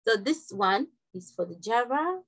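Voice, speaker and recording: A young woman from Nigeria leading an online workshop class over a video call, talking quickly with frequent restarts. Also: fairly high pitch, very animated, a bit bright, rough recording. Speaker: workshop instructor.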